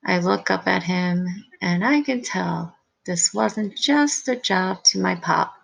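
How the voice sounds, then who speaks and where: A woman teacher reading a picture book aloud with expressive delivery, pausing to comment for her listeners. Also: fairly low pitch, creaky, poor audio.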